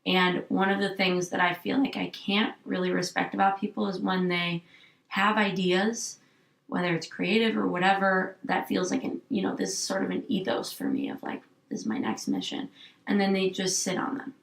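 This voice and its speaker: A woman in her twenties appears as a guest in a candid interview, reflecting aloud in a rambling manner full of "like." Her mid-range voice is gravelly and moves at normal speed. She's far from the microphone, in an echoey room and slightly off-mic.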